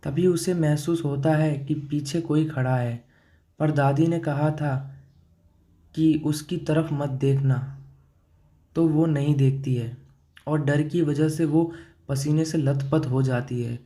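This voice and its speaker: Male horror narrator, unhurried delivery, very dark tone, fairly high pitch. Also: fairly even intonation. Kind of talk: scripted storytelling narration.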